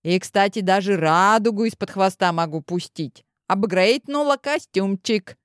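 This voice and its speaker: A woman's voice: mid-range voice, unhurried, dry recording, natural voice. A mischievous young woman in a monster costume grumbles and boasts in a cheeky tone, as a woman acts her out. The recording is dry and close. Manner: cheeky, complaining tone.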